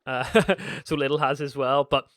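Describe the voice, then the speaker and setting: The voice is a man's, mid-range, fairly bright, and flat in delivery at normal speed, with no room sound. He is a gaming YouTuber in his thirties from Northern Ireland, his accent tinged with a slight American twang, offering meandering, reminiscent gameplay commentary full of restarts.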